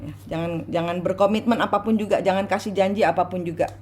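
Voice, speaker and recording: A woman giving a private tarot reading, coaching her client slowly and repeating her instructions. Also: lowish voice, fairly even intonation. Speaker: tarot reader.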